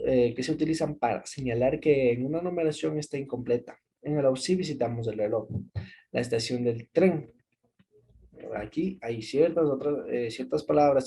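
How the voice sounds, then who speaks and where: A man's voice: medium pitch, creaky, mellow, breathy edge. A male teacher with an Ecuadorian Spanish accent, giving a recorded class lesson. He explains step by step and checks in with a rising "¿sí?".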